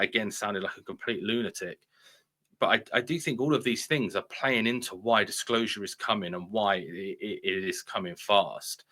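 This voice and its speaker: A man hosting a video with casual, speculative commentary, often halting and repeating his phrases. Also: fairly low pitch, bright, forceful tone. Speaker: video host.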